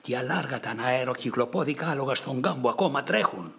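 A man's voice: mid-range voice, expressive, gravelly, fairly bright tone, pitched above the performer's own voice. A man voicing a scornful swift-footed warrior who mocks a king in an epic poem reading. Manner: mocking, scornful.

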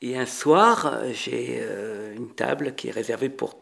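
A middle-aged man, a chef, telling an anecdote in an interview with lively acted-out dialogue and many restarts. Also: mid-range voice, a little slow, gravelly. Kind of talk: storytelling in an interview.

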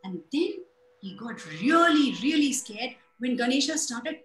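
A woman storyteller telling a folktale in an animated way, chanting sound effects along the way. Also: high-pitched, unhurried, echoey room, a little hiss or hum, rough recording.

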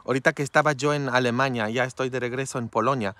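Polish-born priest preaching frankly. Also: male voice, mid-range voice, steady tone, quick pace, bright, forceful tone, no echo. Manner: frank and tender, with constant "mm?" tag questions. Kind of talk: informal preaching talk.

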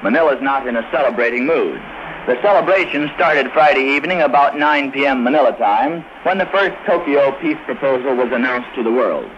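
A man's voice: mid-range voice, a little hiss or hum. Man reporting war news on 1940s radio. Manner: measured, formal reporting. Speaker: war correspondent. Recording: muffled 1940s shortwave radio.

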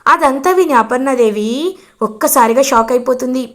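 High pitched lady retelling a story, chatty, lots of filler phrases. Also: normal speed, fairly bright tone.

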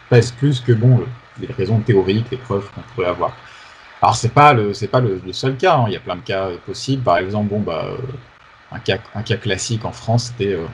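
Man, low voice, researcher guest, hesitant with fillers, faint background noise. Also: rough recording. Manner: hesitant, many fillers and restarts. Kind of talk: conversational interview answers.

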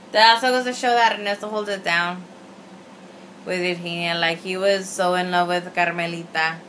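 In a small indoor room at home, a tipsy young woman rambles through an opinionated, casual video review, slipping Spanish into English along with emphatic swearing and slang. Her voice is mid-range, bright, and forceful, with faint room noise behind it.

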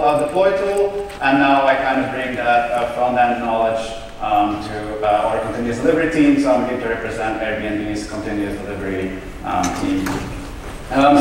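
A man's voice: mid-range voice, distant mic, slight background noise. A young man from Belgium giving a casual conference keynote on stage, with lots of ums and uhs. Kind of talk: conference talk. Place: large hotel conference hall on stage. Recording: echoey hall, miked from afar.

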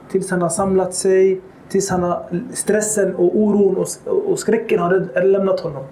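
Male lecturer, high voice, animated, quotes in arabic, echoey hall. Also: a little hiss or hum. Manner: animated, acts out quoted dialogue; mixes Arabic quotations into Swedish. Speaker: Islamic lecturer. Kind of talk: lecture on the life of the Prophet.

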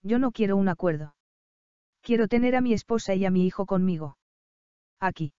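A tender young prince speaks low and earnest in a hush, as a woman reads him in an audiobook. The tone is warm and smooth, and the recording sounds dull and lo-fi. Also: expressive, moderate pace, no room sound, lightly acted.

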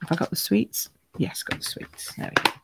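A woman with a croaky voice talks a little fast while running a live card-making demonstration from her craft table in a home craft room. She greets viewers by name as she stamps and colours, with slight background noise in the clip.

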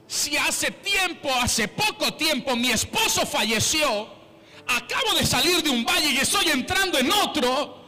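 A man voicing a grieving widowed mother who is indignant and desperate, his talk rising to incredulous shouts, in a big hall with long reverb. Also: extremely high pitch, voice pushed up, full character voice.

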